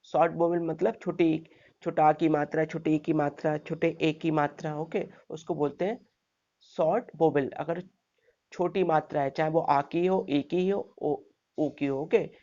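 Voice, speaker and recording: A man's voice: fairly high pitch, steady tone, measured pace, warm tone, muffled recording. Male teacher asking rhetorical questions. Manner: rhetorical questions, frequent "okay" check-ins. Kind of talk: grammar lesson explained step by step.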